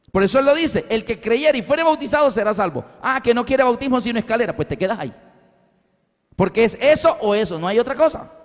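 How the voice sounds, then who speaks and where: A man preaching a sermon, telling an animated story that acts out its scenes and speaking directly to his listeners as dear friends. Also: very high voice. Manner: animated storytelling, acting out scenes, addressing "queridos amigos". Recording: long hall reverb.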